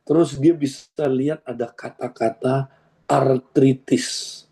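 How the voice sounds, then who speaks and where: Male pastor, mellow warm tone, animated sermon storyteller who keeps calling out to the congregation. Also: medium pitch, takes it slowly, creaky, husky. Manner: animated storytelling, acts out dialogue, constantly addresses listeners.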